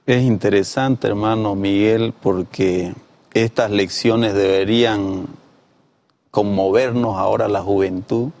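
Gravelly, mellow-voiced man reading scripture. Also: fairly low pitch, fairly even intonation, measured pace. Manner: reads verses with rising emphasis, plain conversational asides. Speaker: Bible study discussion partner. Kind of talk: reading scripture aloud in a lesson discussion.

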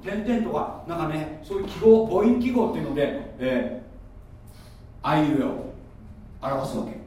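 Male pastor, high and lively voice, teaching style, heard from afar in a very echoey hall. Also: unhurried, a little hiss or hum. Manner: explains like a teacher, asks the audience questions. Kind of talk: sermon. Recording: echoey room, voice from far off.

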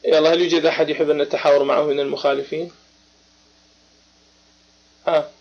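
A man's voice: fairly high pitch, level tone, a little fast, vocal fry, a little mellow, slightly rough. A man from Baghdad with an Iraqi accent, hosting a live religious debate chat while he has a cold, talking emphatically with many short affirmations. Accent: Iraqi Arabic, Baghdad. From Iraq. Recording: lo-fi online voice chat.

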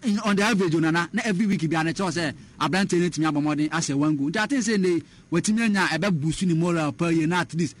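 A man's voice: fairly high pitch, very fast, few pauses. A man talking football as a pundit, switching between Twi and English, with frequent fillers and restarts. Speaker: sports pundit. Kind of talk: radio sports discussion.

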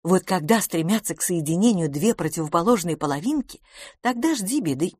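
A prim, earnest middle-aged spinster explaining herself carefully, as a female audiobook reader plays her. Her voice sits low but moves a lot in pitch, and the read is close and dry. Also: expressive, fairly quick, darkish tone, slightly rough, dry recording.

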